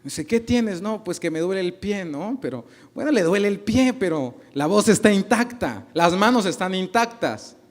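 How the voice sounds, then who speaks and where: A man's voice: sits high, sing-song, moderate pace, hardly any pauses. A male pastor preaching a sermon, asking the congregation questions and acting out little dialogues.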